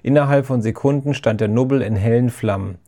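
Ein Mann, der ruhig und gleichmäßig eine Kindergeschichte vorliest. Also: male voice, medium pitch, brisk, mellow. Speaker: narrator. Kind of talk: storybook narration.

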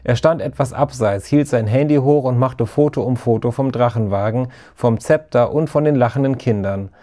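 A man reading a children's story aloud, steady and lively. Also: medium pitch, moderate pace. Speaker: narrator. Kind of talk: storybook narration.

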